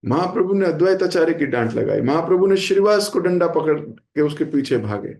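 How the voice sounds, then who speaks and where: A man delivers a devotional sermon in a fairly high, gravelly voice. He slips into the voices of the people he quotes and drops English phrases along the way, and the sound rings around an echoey room. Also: lively intonation, a little fast, darkish tone. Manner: acts out quoted speech in shifting voices; mixes English phrases into Hindi. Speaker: devotional speaker. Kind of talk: sermon on scripture.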